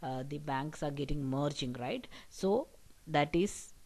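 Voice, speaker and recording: A woman's voice: deep voice, a little slow, a little mellow, poor audio. A woman teaching an exam revision lecture, explaining step by step and often checking in with "okay" and "right".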